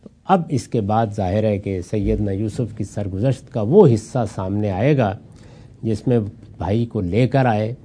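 A man's voice: fairly low pitch, mellow, slight background noise. An older man giving a Quran commentary lecture as an Islamic scholar, telling anecdotes and reciting Arabic verses.

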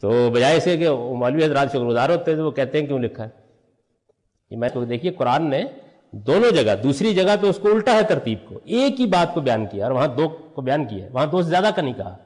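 A man's voice: medium pitch, lively intonation, darkish tone, big-room sound. An older man teaching a religious lesson, explaining step by step and answering his own questions. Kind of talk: lecture on Quranic language.

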